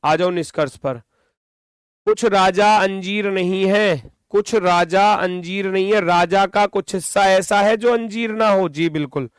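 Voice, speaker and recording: A man teaches an online reasoning class in a high, smooth, resonant voice. He goes over each step again and again and scolds his students now and then. The sound is dry and close. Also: unhurried, no room sound. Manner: scolding, repetitive explaining.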